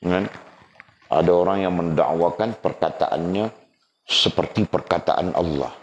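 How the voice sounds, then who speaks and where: A man with a deep voice speaks a little slowly while teaching a religious lesson. He keeps it conversational, addressing his students, often asking them questions and using rhetorical tags. The recording is dull and lo-fi.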